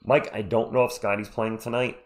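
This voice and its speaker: Sick with a cold, a man calls a casual live play-by-play stream and trades jokes with viewers. He speaks fairly quickly in a lowish, level tone.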